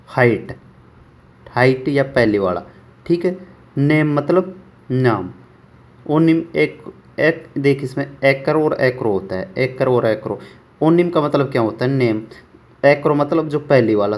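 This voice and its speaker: A man teaching English vocabulary for exams, repeating words slowly and asking rhetorical questions. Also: medium pitch, darkish tone. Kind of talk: exam-prep vocabulary lesson.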